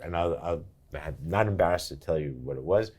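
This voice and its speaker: An older podcast host with a low, slightly mellow voice talks briskly over slight background noise. He interviews a guest, asks questions and reacts to the answers with enthusiastic exclamations.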